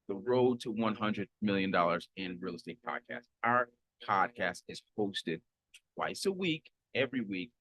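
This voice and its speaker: Introducing himself as host of his podcast, a Haitian-born man in his thirties who was raised in Florida sounds upbeat and earnest, often restarting and using fillers. His voice is medium-pitched and sharp in tone, and the recording quality is low.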